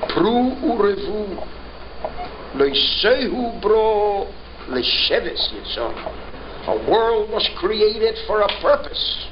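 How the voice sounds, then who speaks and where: A man's voice: high voice, sing-song, slow pace. A man with a Yiddish-inflected accent teaching as a rabbi in an emphatic sermon style, asking rhetorical questions and drawing out key words. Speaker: rabbi giving a religious lecture. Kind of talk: Torah lesson, sermon. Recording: dull lo-fi recording, faint noise.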